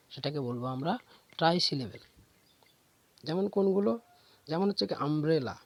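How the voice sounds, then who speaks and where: Gravelly-voiced man teaching grammar. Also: a little high. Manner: explains step by step, asks and answers his own questions; repeats terms slowly to drill them. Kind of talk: classroom lecture.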